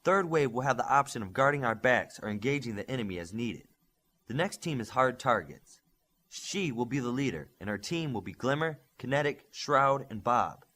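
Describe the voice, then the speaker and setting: For an audiobook, a man voices a young, earnest superhero squad leader, delivering orders in an emphatic briefing style. His medium-pitched voice is animated, pushed and bright at a moderate pace, and the mood is firm and instructive.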